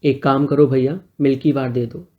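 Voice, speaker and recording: A man's voice: mid-range voice, flat delivery, normal speed, narrow, tinny audio, lightly acted. A man voicing a shy, teasing young man who asks playful, pleading questions.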